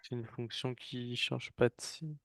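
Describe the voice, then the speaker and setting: A man's voice: mid-range voice, fairly even intonation, a little slow, vocal fry, a bit bright. A male student answering math questions hesitantly, unsure of himself.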